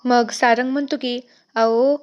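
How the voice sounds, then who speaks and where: Steady woman retelling a serial. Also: on the high side, normal speed, lo-fi sound. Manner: steady storytelling with small slips and restarts. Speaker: serial recap narrator.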